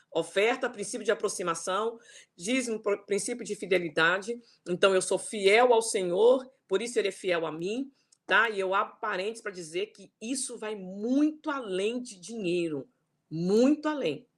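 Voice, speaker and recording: Older woman pastor, husky voice, earnest repetitive preaching on a video call. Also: medium pitch. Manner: emphatic, repeats words, asks "né?" and "tá?". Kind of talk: online sermon teaching.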